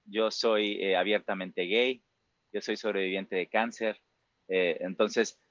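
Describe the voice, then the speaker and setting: A Mexican man in his forties, a musical theater performer with a Mexican Spanish accent, talks reflectively in a casual interview full of fillers and tag questions. His voice is on the low side, steady, slow and a bit bright, and the recording is dry with the highs cut off.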